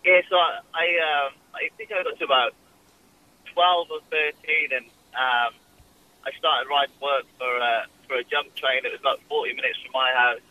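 A man's voice: mid-range voice, fairly even intonation, moderate pace, pushed and bright, a little hiss or hum, low-quality recording. A young Welsh man chatting casually in a radio interview, full of fillers and restarts. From Wales. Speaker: jockey guest.

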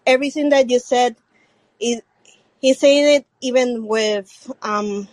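A woman caller with a Puerto Rican accent, a native Spanish speaker talking casually in careful, halting English as she searches for words. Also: a little high, a little mellow, dry recording, poor audio. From Puerto Rico. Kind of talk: casual call-in talk.

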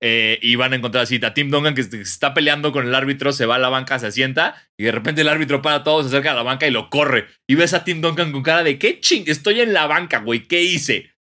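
A man's voice: mid-range voice, fast, few pauses. A young man with a Mexican accent, co-hosting a podcast and telling stories in casual, slangy chat. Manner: slangy, animated storytelling. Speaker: podcast co-host.

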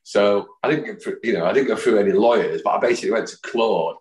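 A man in his fifties, his voice sitting on the low side, spins a loose, chatty tale as a podcast guest. He wanders through his stories with asides and quick put-on voices for the people in them. The room around him is noticeably echoey. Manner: rambling, chatty storyteller who acts out quotes. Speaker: guest, fan songwriter. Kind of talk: anecdotal storytelling in a podcast chat. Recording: roomy echo.

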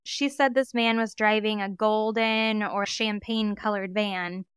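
A woman co-hosting a true crime podcast, retelling a case in an animated, casual way and acting out quoted witnesses. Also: medium pitch, measured pace, smooth, dry recording, studio quality. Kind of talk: casual storytelling.

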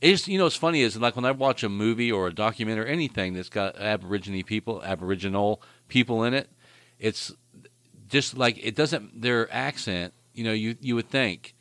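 Male co-host, low voice, rambling profane banter, dry close sound. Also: fairly quick, no room sound. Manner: rambling, profane, deadpan tall tales. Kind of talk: crude casual banter.

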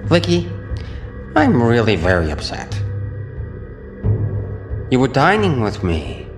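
An unhinged clown crime boss mocking and theatrical. His low voice swoops wildly and drags out words slowly over music in an audio drama. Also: wildly swooping pitch, heavily acted.

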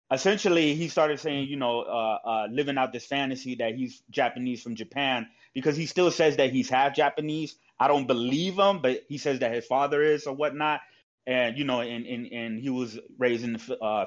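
A man talks casually and at length. His speech is full of fillers, restarts and profanity. The audio is dull and lo-fi, with an ordinary mid-range pitch. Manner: rambling, profane, lots of fillers. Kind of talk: casual chat.

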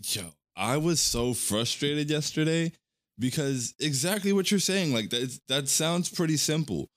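A man's voice: on the high side, lively intonation, measured pace, a bit bright, dry recording, clean studio sound. A man co-hosting a podcast, ranting heatedly about other fans and retelling online arguments in casual talk. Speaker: podcast co-host. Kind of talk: casual sports chat.

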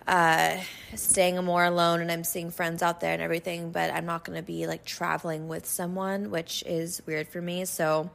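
A woman in her twenties hosting a casual advice podcast, slightly hoarse from being sick, rambling with lots of fillers. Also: fairly low pitch, level tone, normal speed, fairly bright tone. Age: 20s. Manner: rambling, lots of likes and ums. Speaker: podcast host.

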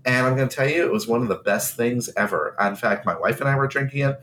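A man with a stuffed-up, congested voice co-hosts a podcast. He talks with emphatic enthusiasm at an ordinary pitch. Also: fast talker, a bit bright, slight background noise. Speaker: podcast co-host. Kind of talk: casual podcast chat.

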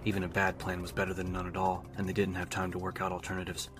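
Very flat, deep-voiced male narrator. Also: quick pace. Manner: steady, even storytelling. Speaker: audiobook narrator. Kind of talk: reading a novel aloud. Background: music.

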